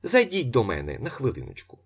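A nervous, pleading woman who presses her questions urgently and almost breathlessly, as a male narrator voices her. The husky voice rises and falls widely in pitch. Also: wildly swooping pitch, a little fast, exaggerated voice. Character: anxious, pleading middle-aged woman.

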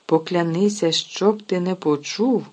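A reader voicing an earnest, worried middle-aged wizard father who speaks low and hushed in a husky voice. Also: unhurried.

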